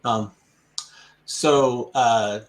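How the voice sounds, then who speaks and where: This U.S. English tutor speaks extremely slowly in a mid-range voice with fairly even intonation. During relaxed conversation practice, he echoes the student's replies back with patience and laughs softly a lot.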